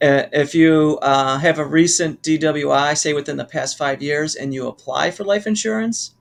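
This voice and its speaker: A man co-hosting a casual podcast, explaining insurance with halting restarts. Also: on the high side, gravelly. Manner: hesitant, restarts while explaining. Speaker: insurance professional co-host. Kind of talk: casual chat.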